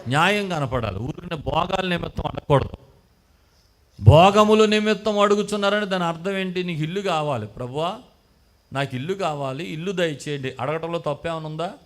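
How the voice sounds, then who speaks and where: A man's voice: fairly high pitch, expressive, brisk. A man preaching a sermon as pastor, leading the congregation in call and response and acting out sample prayers with emphatic rising bursts.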